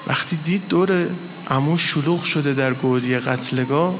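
A man's voice: medium pitch, a bit bright, slight background noise. A man preaching an impassioned mourning sermon to a live gathering, telling the story with strong emphasis. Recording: reverberant hall with faint ambience.

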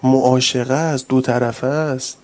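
A man preaching a sermon with great passion, rising to loud urgent cries and dropping to hushed, tender speech. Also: mid-range voice, steady tone.

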